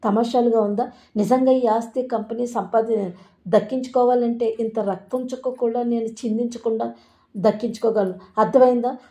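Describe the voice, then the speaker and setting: A woman's voice: on the high side, steady tone, moderate pace, mellow, lightly acted. A woman voicing a haughty, scheming mother-in-law who answers with indignant threats.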